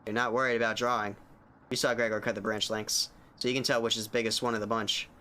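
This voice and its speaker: A streamer as low, somber horror game narrator. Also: level tone, fast, pushed and bright, close to an everyday voice. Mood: somber, steady. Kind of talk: scripted narration read aloud.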